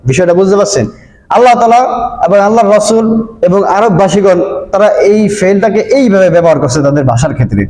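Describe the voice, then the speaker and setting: A man's voice: high-pitched, expressive, quick pace, darkish tone. A man teaching an Arabic grammar lesson at a board, patiently repeating points and often checking that his listeners understand. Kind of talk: board lesson explaining Arabic verb forms. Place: room with a board. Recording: echoey room with long reverb.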